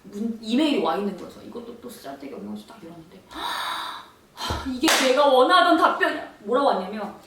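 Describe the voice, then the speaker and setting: A young woman vlogger telling a story in an animated, exasperated way, acting out quoted lines. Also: fairly high pitch, fast, few pauses, background noise. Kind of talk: storytelling vlog. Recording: echoey room, voice from far off.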